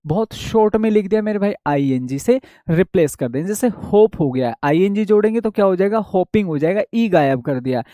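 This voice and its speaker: A man's voice: high-pitched, animated, a little fast, few pauses, warm tone, no room sound. A young man teaching English spelling rules in an online class, asking and answering his own questions and repeating key points.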